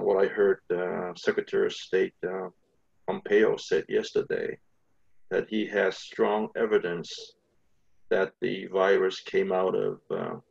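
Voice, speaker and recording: A man with a husky, creaky voice, talking haltingly in a casual interview as the guest. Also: deep voice, darkish tone, muffled recording. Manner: halting, hedging with frequent "you know". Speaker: interview guest, academic dean and church leader.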